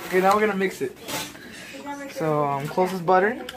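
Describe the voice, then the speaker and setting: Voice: medium pitch, moderate pace, a crowd in the background, low-quality recording. A young challenge host talking casually to camera, hesitant and stammering. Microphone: handheld phone.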